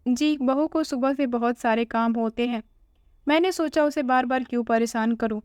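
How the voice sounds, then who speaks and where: A woman voicing a patient, hurt older mother-in-law who speaks in a gentle, pleading way. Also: on the high side, moderate pace, clear, resonant tone, no room sound, studio quality, close to an everyday voice.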